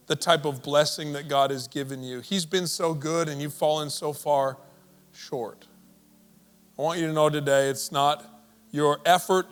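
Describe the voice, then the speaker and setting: A man's voice: fairly high pitch, a bit bright. A male pastor preaching a sermon in a conversational way, with casual asides and repeated words. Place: church service.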